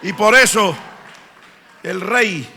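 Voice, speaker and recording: A man preaching a sermon as pastor, swinging from hushed storytelling to fervent shouting. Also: high voice, lively intonation, takes it slowly, a faint crowd, a little hiss or hum. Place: church sanctuary. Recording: long church reverb.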